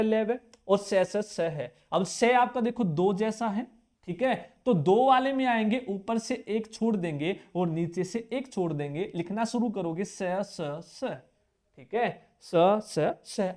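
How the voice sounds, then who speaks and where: A man's voice: high-pitched, a little mellow. A male teacher giving an exam-prep grammar lesson who fires questions at his viewers, answers them himself, repeats key terms to drill them and casually calls them brother.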